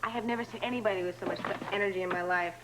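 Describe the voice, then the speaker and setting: A woman playing a brisk hospital nurse. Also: medium pitch, fairly even intonation, background noise, close to an everyday voice. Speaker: scrub nurse. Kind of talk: 1980s TV soap opera acting.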